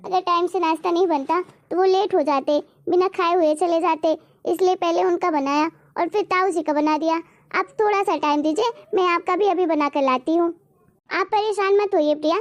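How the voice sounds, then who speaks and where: Woman voicing a meek, high young daughter-in-law. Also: normal speed. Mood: apologetic. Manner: soft, apologetic.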